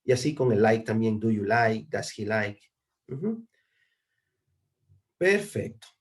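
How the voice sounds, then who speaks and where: A man's voice: on the low side, sing-song, slow pace. A young man teaching English grammar in an online class, patiently explaining and often checking with his students. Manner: patient, repeats and checks with "¿no?" and "¿verdad?". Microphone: video call.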